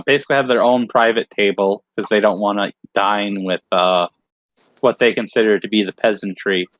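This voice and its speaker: A man's voice: fairly low pitch, no room sound, highs cut off. A man narrating as the game master of a tabletop game, hesitant and full of fillers. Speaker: dungeon master.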